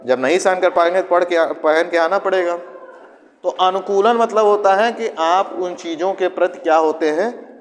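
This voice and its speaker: A man teaches a class in a relaxed, conversational way, firing questions and answering them himself. His voice sits fairly high for a man. The sound carries a long reverberant tail from the room. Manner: acts out students and parents in quick asides. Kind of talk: classroom lecture. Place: classroom with students present.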